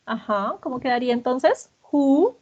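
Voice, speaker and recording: A woman's voice: high-pitched, lively intonation, normal speed, a little mellow, dull audio. A woman teaching English grammar to a class, patiently repeating students' answers and praising them.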